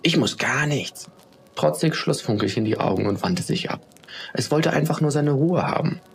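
A man narrating a children's bedtime story in a calm, steady storytelling manner. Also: medium pitch, normal speed, vocal fry, a little hiss or hum.

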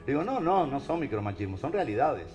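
Animated Rioplatense preacher, lively pitch. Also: male voice, a little fast, faint music behind. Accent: Rioplatense Spanish. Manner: animated, rhetorical questions to the audience. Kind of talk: preaching talk.

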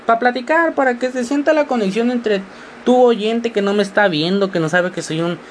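A sixteen-year-old boy from northern Mexico, with a mixed regional Mexican accent and a very high voice, hosts a casual podcast monologue. He rambles through jokey, self-mocking stories with quick shifts of tone, over slight background noise.

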